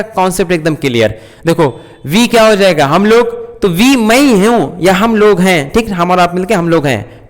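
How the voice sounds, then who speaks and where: A man teaching English grammar at a board, asking questions and repeating key points for his students. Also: sits high. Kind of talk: classroom grammar lesson. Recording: long hall reverb.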